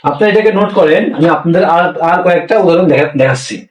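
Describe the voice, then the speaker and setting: A man's voice: on the high side, fast, a little mellow. Echoey, distant male language teacher. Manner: repetitive, asks questions and answers them himself. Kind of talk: classroom lesson explaining pronunciation. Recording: echoey room, mic far off.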